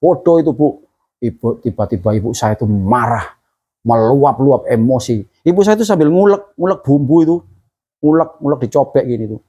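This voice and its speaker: A man's voice: mid-range voice, brisk, warm tone, slightly rough, dull audio. A man telling his own spiritual story in an earnest, emotional, colloquial way. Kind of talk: personal testimony storytelling.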